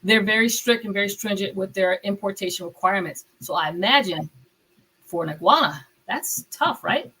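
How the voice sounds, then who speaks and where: A woman's voice: medium pitch, normal speed, bright, forceful tone, slightly rough, low-quality recording. Woman hosting a podcast, chatty, keeps saying mm-hmm. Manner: supportive, frequent listening cues. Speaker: podcast host. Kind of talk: casual interview chat.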